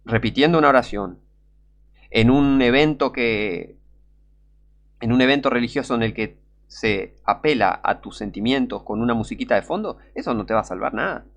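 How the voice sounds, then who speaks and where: A man with a Rioplatense Spanish accent preaching a sermon, urgent and pleading, sometimes breaking into shouts. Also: mid-range voice, animated, normal speed, gravelly.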